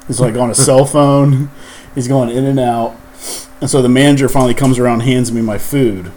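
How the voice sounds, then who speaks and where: A man's voice: mid-range voice, steady tone, moderate pace, a little mellow. Rambling man telling a story. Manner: rambling, filler-heavy, laughs through the story. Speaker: podcast host. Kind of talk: casual storytelling chat.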